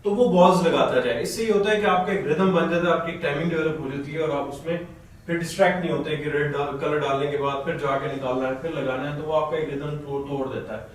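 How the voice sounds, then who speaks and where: A man from Pakistan, a snooker coach with a sore throat, patiently going through a student's video and telling a helper when to play and pause it. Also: fairly high pitch, fairly even intonation, a little hiss or hum. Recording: very echoey room, mic at a distance.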